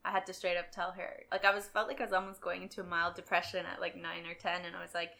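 A young woman from Quebec, Canada, speaks fast in a lowish, gravelly voice with a sharp tone and little variation in pitch. As a guest on a podcast, she shares frank, laid-back stories about her past, often laughing and now and then cursing.

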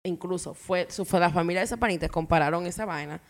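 A woman's voice: on the low side, fast. A woman with a Dominican Spanish accent telling stories casually as a podcast co-host, using slang and slipping in English phrases. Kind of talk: casual conversational storytelling.

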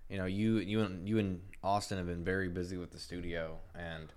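A man's voice: low-pitched, little pitch movement, fairly quick, darkish tone. A man co-hosting a podcast in casual chat, rambling and slangy, often repeating his words. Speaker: podcast co-host.

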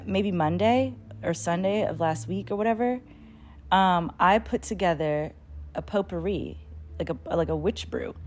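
A woman's voice: fairly low pitch, darkish tone, a little hiss or hum. A woman chatting casually and candidly to her followers in a rambling, slangy way with plenty of swearing. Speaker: solo vlogger and podcaster.

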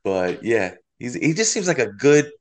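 A man's voice: mid-range voice, big pitch swings, normal speed. A man in his forties, a podcast guest telling rambling stories in casual chat, full of fillers. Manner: rambling storytelling with many fillers.

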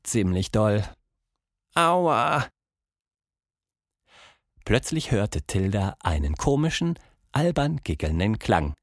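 Man, storyteller, children's story reading, slow, very lively pitch, dry close sound. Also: dry recording. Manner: expressive, unhurried. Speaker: host and storyteller.

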